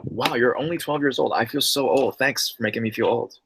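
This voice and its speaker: Against a noisy background, a young man with a mid-range, fairly quick voice reads horror stories sent in by viewers, then slips into slangy, easygoing live-stream chatter, addressing listeners as dude and bro.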